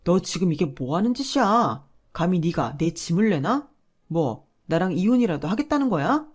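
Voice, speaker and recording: A woman's voice: on the low side, big pitch swings, normal speed, darkish tone. A woman voicing a selfish adult husband who talks in a dismissive, blaming way. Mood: angry.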